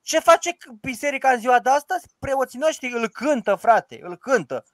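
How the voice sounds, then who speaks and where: Male priest, high-pitched, dry close mic; emphatic, rhetorical teacher who recites prayers. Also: expressive, fairly bright tone, dry recording. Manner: emphatic and rhetorical, quotes the liturgy aloud. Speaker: Orthodox priest. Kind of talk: informal teaching discussion.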